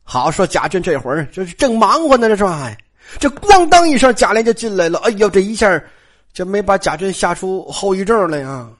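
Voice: mid-range voice, big pitch swings, brisk. A storyteller retelling a classic novel in a chatty way, speaking directly to the listeners.

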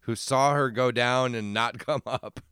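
A hoarse middle-aged man, still getting over a cold, hosting a podcast in a loose, joking way. Beneath the hoarseness the voice stays smooth and resonant, and it sounds dry and close to the mic. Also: mid-range voice, fairly even intonation, a little slow, fairly bright tone, dry recording. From Arizona. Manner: laughs often, loose and joking. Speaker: podcast co-host. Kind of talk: casual chat.

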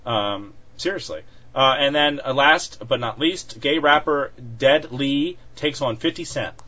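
A man's voice: mid-range voice, a little slow, sharp tone. Chatty male podcast host, lo-fi sound. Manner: chatty, many fillers and restarts, laughs often. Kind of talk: casual chat. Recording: dull lo-fi sound.

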